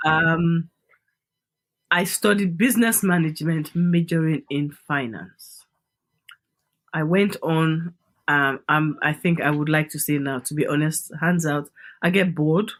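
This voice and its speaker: A woman's voice: low voice, fairly even intonation, measured pace. Middle-aged Nigerian woman, Nigerian accent, emphatic interview guest. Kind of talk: podcast interview.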